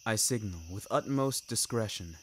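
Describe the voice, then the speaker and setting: A man with a lowish, animated voice narrates scripted dramatic fiction in a wry, literary way, phrasing deliberately. A music bed plays beneath the narration, with a little hiss or hum.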